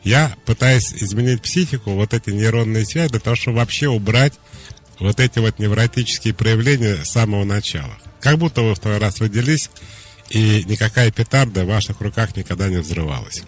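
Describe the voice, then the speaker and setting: A man hosting a radio call-in show as a psychologist, calmly explaining and giving direct advice. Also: fairly low pitch, brisk, soft background music.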